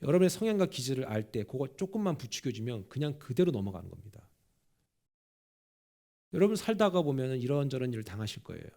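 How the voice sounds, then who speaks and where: A male senior pastor preaching a sermon in a church, animated and conversational, often putting questions to the congregation. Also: mid-range voice, quick pace, gravelly. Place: church sanctuary.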